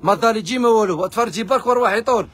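A man with an Algerian accent, pitching fabric discounts in a pushy live sales video. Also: fairly bright tone, breathy edge. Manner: rapid, pushy hawking to viewers. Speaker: fabric shop seller.

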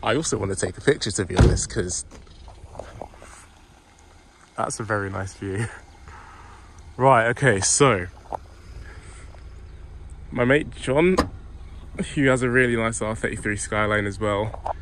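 A man's voice: lowish voice, unhurried, pauses often, noisy background. A young man chatting upbeat to camera while driving, filmed in his car on a phone, laughing now and then. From England. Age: young adult. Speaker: car vlogger. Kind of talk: casual vlog talk to camera. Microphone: phone camera on dashboard.

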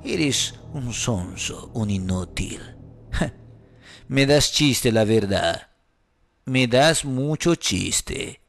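A man's voice: mid-range voice, animated, extremely slow, creaky, a bit bright, pitched below the performer's own voice, heavily acted. A man voicing a younger brother who teases and laughs at his sibling. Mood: scornful. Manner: teasing, laughing at others.

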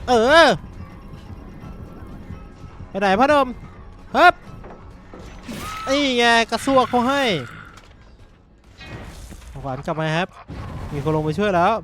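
A young man talks through his gameplay in a high, eager voice. He swings between quiet mutters and sudden excited shouts and grunts. Faint game music plays behind him. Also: slow, pauses often. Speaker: gaming YouTuber. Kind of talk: live gameplay commentary.

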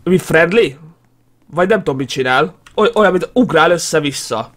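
A young man doing excitable let's play commentary as a gaming YouTuber, yelping, shrieking and laughing often. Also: on the high side.

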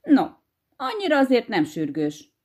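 A woman voicing a sly, unhurried male hedgehog farmer in a storybook tale, crafty and bossy. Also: on the high side, wildly swooping pitch, a little mellow, pitched above the performer's own voice. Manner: easygoing, crafty, bossy to his wife.

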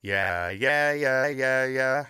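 A man's voice: medium pitch, very slow, pushed and bright, clear, resonant tone, dry recording, studio quality. A man in a music production lesson whose short sung phrase is played back with hard robotic auto-tune. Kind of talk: screen-recorded software tutorial.

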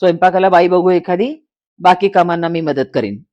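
A woman voicing a short-tempered young husband who turns gentle and coaxing, in a dramatized story reading. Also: lowish voice, moderate pace, highs cut off, lightly acted. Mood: tender. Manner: sulky and curt, later gentle and coaxing.

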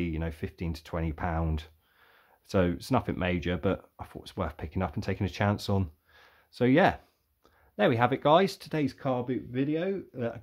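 A young man chatting casually about his bargain finds, rambling and thinking aloud. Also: on the low side. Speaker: vlogger reviewing car boot sale finds. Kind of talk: casual show-and-tell.

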